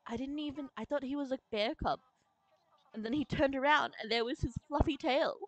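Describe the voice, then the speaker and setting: A woman's voice: high-pitched, fairly quick, no room sound, low-quality recording. A woman chatting casually to her viewers while playing a game, giggling often. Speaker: streamer. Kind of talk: casual gameplay chat.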